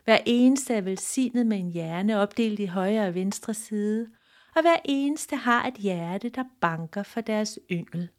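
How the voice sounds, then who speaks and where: A woman voicing a calm, noble male deer king who speaks solemnly and steadily. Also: mid-range voice, close to an everyday voice.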